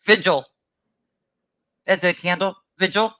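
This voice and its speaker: A woman's voice: lowish voice, unhurried, bright, forceful tone, no echo. A woman co-hosting a live stream over a remote call, coaxing and teasing in casual chat; the call audio sounds lo-fi.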